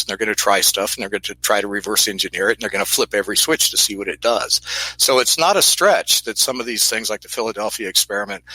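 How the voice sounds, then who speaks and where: A man's voice: on the low side, bright, forceful tone, slightly rough, no echo, low-quality recording. A man speaking as an interview guest, explaining things in an earnest, emphatic conversational way.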